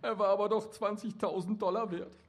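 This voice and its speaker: A man playing a rich young man who wails in drawn-out cries over his lost things, in a story read aloud. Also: high voice, steady tone, pitched above the performer's own voice. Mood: wailing.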